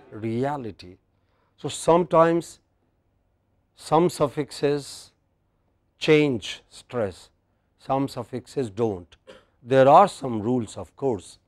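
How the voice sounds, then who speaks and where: Guy teaching english pronunciation, real slow and patient, keeps asking okay?, dry close sound. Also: mid-range voice, no echo. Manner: slow, patient, repeats phrases and checks understanding. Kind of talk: classroom lecture with drills.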